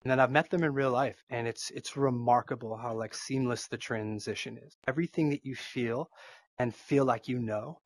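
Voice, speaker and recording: Man, Boston accent, interview guest, rambling casual talk, mid pitch. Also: moderate pace. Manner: rambling, filler-heavy, animated.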